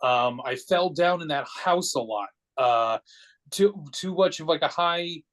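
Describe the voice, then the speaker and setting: On a podcast, a Connecticut man of forty with an American accent rambles through personal stories in a casual, matter-of-fact manner. He speaks at a measured pace, his voice on the high side, expressive and a bit bright.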